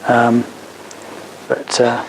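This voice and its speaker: A man speaks very slowly in a completely flat, medium-pitched voice. Acting as a lawyer at a business hub seminar on legal matters, he answers questions in a hesitant, explanatory way, with faint background noise behind him.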